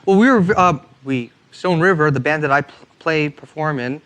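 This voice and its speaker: A man's voice: a little high, normal speed, fairly bright tone, smooth. A man hosting a casual interview in a recording studio, joking and playful. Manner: playful, jokey. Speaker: host.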